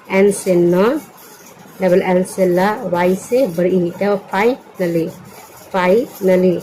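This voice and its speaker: Woman teaching english words letter by letter, warm mellow voice, patient, keeps asking what it spells, faint background hum. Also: mid-range voice, low-quality recording. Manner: patient, repeats words and asks "what happened?" before giving the answer.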